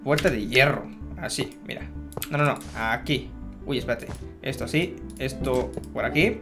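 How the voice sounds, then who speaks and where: Man, casual gameplay commentary, chatty, self-mocking, talks to viewers, soft music underneath. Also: mid-range voice, normal speed. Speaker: Minecraft gamer.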